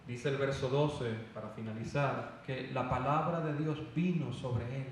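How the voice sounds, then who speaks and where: A man preaching a fervent sermon with loud emphatic calls. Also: mid-range voice, a little slow, slight background noise. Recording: echoey hall, voice from far off.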